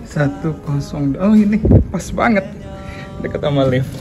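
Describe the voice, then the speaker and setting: A man giving a casual walkthrough of a hotel, chatty and quick to exclaim at what he finds. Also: a little high, animated, music in the background. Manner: chatty, exclaims at discoveries, addresses viewers as guys. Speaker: hotel reviewer.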